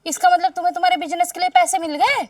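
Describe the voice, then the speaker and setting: An actress playing a worried young wife in a sitcom, whiny and pleading. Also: female voice, very high-pitched, very animated, racing, no echo, studio quality. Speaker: comic actress. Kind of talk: sitcom acting. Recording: distant mic, noisy.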